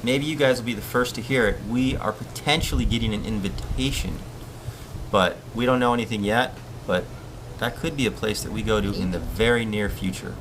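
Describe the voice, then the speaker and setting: On a casual live-stream Q&A, a Hawaiian surf coach reads viewer questions aloud in a relaxed, chatty way. His voice is lowish and fairly quick, with background noise present.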